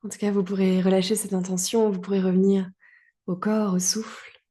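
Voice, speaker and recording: In a dark, relaxed voice, a woman guides a yoga relaxation session. Her pitch is very even and stays in the middle range. She sounds calm and soothing, with long pauses separating her short phrases.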